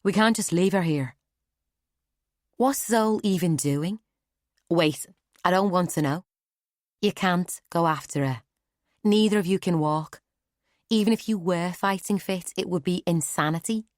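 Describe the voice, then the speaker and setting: A woman's voice: fairly low pitch, unhurried, pauses often, a little mellow, dry recording, clean studio sound, voice pushed up, close to an everyday voice. A woman voicing Clara, a blunt, pragmatic young novice who speaks matter-of-factly and wryly in an audiobook. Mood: urgent. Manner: matter-of-fact, wry. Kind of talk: audiobook character voice.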